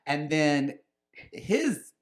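A man in his thirties telling a story on a podcast in a casual, animated way, acting out the voices of the people in it. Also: on the high side, drawn-out words. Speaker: podcast guest.

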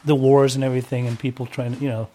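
Middle-aged man, relaxed frank storytelling. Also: medium pitch, racing. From Germany. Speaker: podcast guest. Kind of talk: casual chat.

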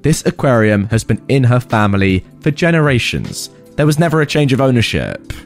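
Guy doing a calm, patient aquarium worker guy, lively voice. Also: medium pitch, brisk, faint music behind.

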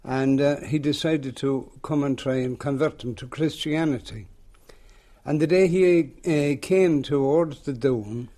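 An elderly man with a rural western Irish accent tells a tale aloud in a lilting, unhurried storyteller's way. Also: medium pitch, warm tone. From rural west of Ireland. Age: older, seventies or above. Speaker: local folklore teller. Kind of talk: oral storytelling in an interview.

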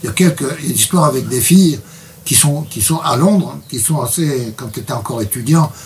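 A man's voice: mid-range voice, lively intonation, normal speed, a little hiss or hum. Hesitant man, a bit distant from the mic. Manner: hesitant, repeats words. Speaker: translator presenting a book. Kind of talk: casual interview chat with read excerpt.

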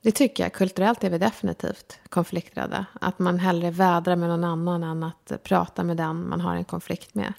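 A woman's voice: fairly low pitch, flat delivery, vocal fry, few pauses, darkish tone. A Swedish woman with a slight lisp and a faintly upper-class Stockholm accent, talking frankly and directly in a casual conversation. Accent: Stockholm, slightly upper-class tinge. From Sweden. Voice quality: slight lisp, speaks far forward in the mouth. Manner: direct, frank, self-deprecating. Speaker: guest, designer and lecturer.

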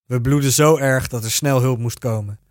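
A man reading a first-person story aloud in a steady, even narrating voice. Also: mid-range voice, moderate pace, dry recording, studio quality.

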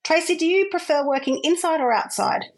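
A woman's voice: sits high, animated, fairly quick. A woman hosting a podcast, asking curious, friendly questions in casual chat. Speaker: podcast host.

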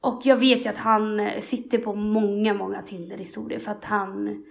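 A woman co-hosting a podcast, retelling a story in casual, animated, slangy chat. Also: medium pitch, gravelly, highs cut off. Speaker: podcast co-host.

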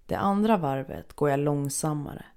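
A woman with a low, gravelly voice reads a first-person story aloud. Her delivery is measured and somber. She takes her time over each sentence. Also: a little mellow. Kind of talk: first-person scripted narration.

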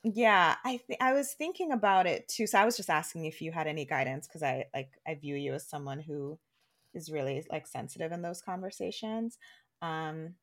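Chatty low-voiced woman podcaster. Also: moderate pace. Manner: chatty, many restarts and "like"s, laughs easily. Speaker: podcast co-host. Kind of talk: casual conversational podcast.

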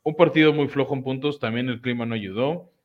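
A man's voice: medium pitch, a little fast. Muffled-sounding man talking football. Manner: analytical, frequent fillers. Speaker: podcast co-host. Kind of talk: casual sports talk. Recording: muffled lo-fi audio.

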